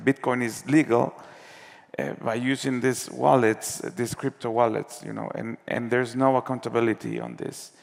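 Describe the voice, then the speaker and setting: Man from El Salvador, halting panel answers, gravelly, big reverberant hall. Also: medium pitch. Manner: halting, many restarts and fillers. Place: large conference hall. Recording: long reverb of a conference hall.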